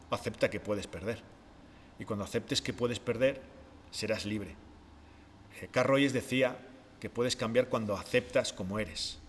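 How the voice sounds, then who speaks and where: Calm, reflective man explaining. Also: mid-range voice, long reverb tail, a little hiss or hum. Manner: calm, reflective, explains step by step with rhetorical questions. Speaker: podcast co-host, behavior expert. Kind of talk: explanatory podcast talk.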